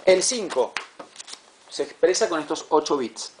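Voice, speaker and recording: A man teaching a class, patient and repetitive, checking understanding with quick questions. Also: fairly high pitch, expressive, darkish tone, slight background noise. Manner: patient, repeats words, asks "¿sí?" to check. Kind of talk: classroom lecture.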